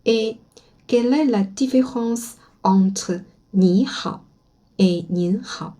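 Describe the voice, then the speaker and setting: A woman whose first language is Chinese, teaching pronunciation slowly and modeling each sound for learners to repeat. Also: medium pitch, mellow. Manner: slow and careful, models sounds for repetition. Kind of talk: slow spoken language lesson.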